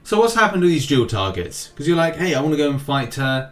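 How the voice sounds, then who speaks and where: Quick and high-ish, his voice swings widely in pitch as the mobile game news host delivers an update to his audience. The tone is loose and chatty, full of jokey side comments and emphatic, sing-song phrasing, with music playing behind him.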